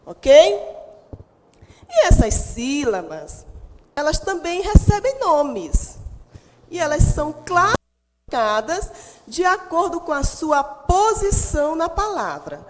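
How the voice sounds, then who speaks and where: A woman's voice: high voice, huge pitch swings, takes it slowly, pauses often, in a large hall. A woman teacher with a Brazilian Portuguese accent gives a recorded lesson to sixth graders. She speaks emphatically, stretches out stressed syllables and puts questions to the pupils at home.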